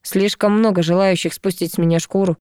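An unflappable young man in an audiobook, relaxed and dryly amused, as a woman reads his lines. The recording is close and dry. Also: lowish voice, a little fast, clear, resonant tone, no echo, lightly acted. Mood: wry. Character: calm, wry young man with a skateboard.

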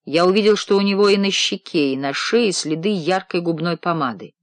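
Measured male audiobook narrator, dry sound. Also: high-pitched, lively intonation, no room sound. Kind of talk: scripted narration.

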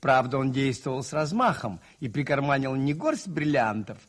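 Father Brown, earnest husky-voiced priest played by a man. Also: medium pitch, expressive, close to an everyday voice. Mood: mild, wry. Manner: earnest, moralizing, deliberate phrasing with rhetorical repetition. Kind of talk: 1980s radio play acting.

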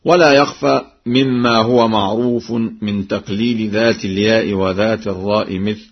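A man teaching variant Quran readings on an archival radio broadcast. He explains each point, then chants the verse examples slowly. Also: on the low side, steady tone, breathy edge, lo-fi sound. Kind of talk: radio lesson on recitation variants.

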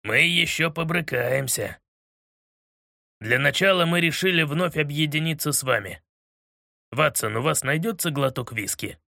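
A man's voice: fairly high pitch, lively intonation, unhurried, vocal fry, pushed and bright, dry recording, studio quality, full character voice. A man voicing a blustering male general with a commanding, theatrical manner in an audiobook reading. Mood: gruff.

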